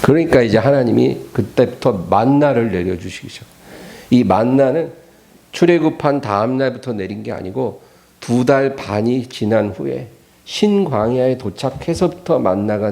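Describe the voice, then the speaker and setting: Male preacher, animated sermon delivery, gravelly and mellow. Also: medium pitch, moderate pace. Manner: animated, acts out the scripture quotes. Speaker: pastor. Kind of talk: weekday sermon.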